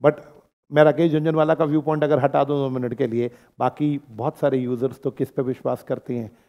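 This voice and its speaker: A man's voice: medium pitch, little pitch movement, fairly quick, dull audio. An Indian man teaching a classroom lecture, often stopping to check that the students have understood and mixing English terms into his speech.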